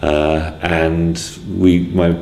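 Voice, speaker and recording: A man in his sixties from Wales, recalling his early life in a hesitant way, with many pauses and restarts. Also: deep voice, level tone, a little mellow, reverberant, slight background noise. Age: 60s. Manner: hesitant, full of ums and restarts. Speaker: interviewee. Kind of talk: casual spoken memoir.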